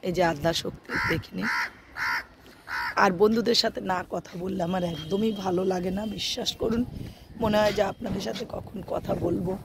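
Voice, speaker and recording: A middle-aged woman with a hoarse voice from a cold, chatting softly and slowly with her viewers in a casual vlog, with many fillers. She talks into a handheld phone on a rooftop in the morning. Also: mid-range voice, fairly even intonation, background noise. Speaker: vlogger.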